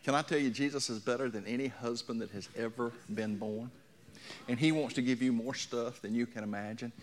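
Speaking a little fast, this man has a medium-pitched voice with fairly even intonation. He's a sixty-something pastor preaching to a congregation in a folksy manner, telling stories and asking his listeners questions.

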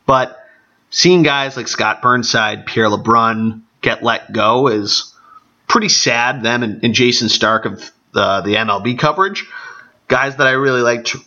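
A man with a gravelly, allergy-congested voice talking casually on his own as a sports podcast host. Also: medium pitch, measured pace, pushed and bright. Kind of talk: casual solo podcast talk. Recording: dull, band-limited podcast audio.

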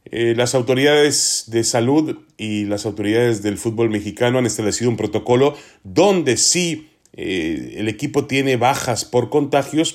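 A man hosting a sports podcast, giving opinion commentary in an earnest, deliberate and emphatic way. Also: on the low side, a little mellow.

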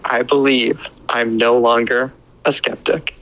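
A man talking in a rushed, excited way, heard over a phone speaker as producer and co-host of a casual chat show. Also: medium pitch. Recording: tinny speakerphone line.

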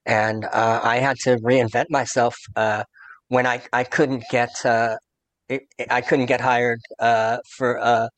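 Casting: middle-aged male guest, high squeaky voice, hesitant, dry call audio. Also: level tone, fairly bright tone, dry recording, rough recording. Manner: halting, many uhs and restarts. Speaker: guest journalist. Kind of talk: casual interview. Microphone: video call.

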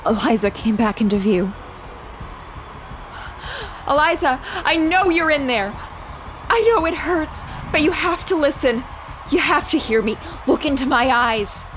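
A woman's voice: on the high side, moderate pace, pauses often, slight background noise, lightly acted. An actress playing a determined young woman who narrates her own ordeal in an audio drama and speaks with urgency in her scenes. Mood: pleading. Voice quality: steady, earnest narration that turns urgent in dialogue. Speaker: first-person narrator and lead character.

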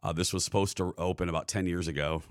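A man's voice: low-pitched, big pitch swings, moderate pace, dry recording, clean studio sound. A man co-hosting a theme park podcast in casual chat, laughing easily and talking with frequent fillers. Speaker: podcast co-host.

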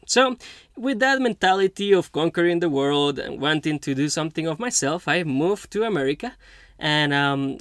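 A man in his twenties who grew up in Costa Rica, hosting a podcast interview in an earnest, halting way with many restarts. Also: a little high, a bit bright, no room sound, clean studio sound. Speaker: podcast host. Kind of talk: casual interview chat.

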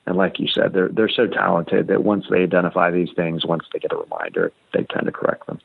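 Creaky low-voiced male sports analyst. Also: lively intonation, a little fast, dry recording. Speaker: podcast guest, basketball writer. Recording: dull, narrow-band call audio.

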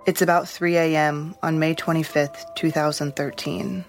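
A woman reads scripted narration in a steady, measured way. Her voice sits very low for a woman and barely moves in pitch, and faint music plays underneath. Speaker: podcast narrator.

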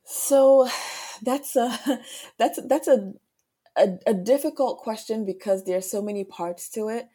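A woman's voice: fairly high pitch, measured pace, dark tone, husky. A woman from Ghana, an author interviewed on a podcast, explaining her ideas thoughtfully and often circling back with "right?". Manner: thoughtful, with frequent restarts and "right?" asides. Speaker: author and guest.

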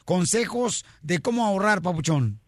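A man's voice: high voice, expressive, moderate pace, no echo, clean studio sound. A man hosting a radio morning show, joking and calling out nicknames to his crew. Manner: exclamatory, joking, calls out nicknames. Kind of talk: lively morning radio banter.

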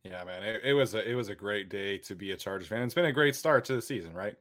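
A man's voice: fairly low pitch, quick pace, fairly bright tone. A man hosting a sports podcast in a casual, chatty style. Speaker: podcast host.

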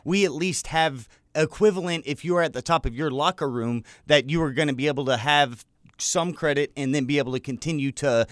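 A man's voice: fairly high pitch, fairly quick, no room sound, clean studio sound. A man co-hosting a sports podcast, talking casually in long, loosely strung sentences.

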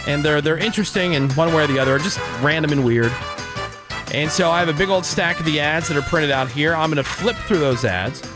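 An American man hosts morning radio in a fairly high voice. He moves between casual banter and contest patter over a clearly audible music bed. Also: brisk. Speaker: radio show host. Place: radio studio.

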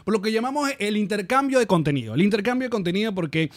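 A man hosting a comedy podcast, his voice pitched high and swinging up and down with every teasing question. He jokes around playfully with his guest. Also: lively intonation, fast, no room sound, studio quality. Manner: joking, teasing, playful interviewer. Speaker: podcast host. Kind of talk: casual comedy podcast chat.

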